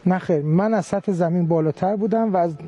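A man recounting a personal experience in an interview, measured and hesitant, with many pauses. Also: high-pitched, warm tone, highs cut off. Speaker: guest recounting a near-death experience. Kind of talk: interview testimony.

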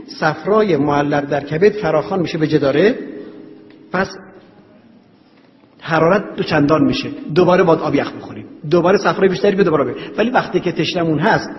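A man giving an explanatory lecture on traditional medicine, laying out numbered points and asking rhetorical questions. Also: fairly high pitch. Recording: dull, reverberant hall recording.

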